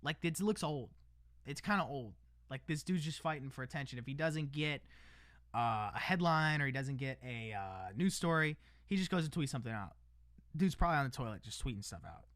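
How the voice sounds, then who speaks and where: A man's voice: mid-range voice, lively intonation, fairly quick, a bit bright, dry recording, clean studio sound. A man talking casually on his livestream, rambling with lots of restarts, tossing in "bro" and "man" and laughing between lines. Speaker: livestream host.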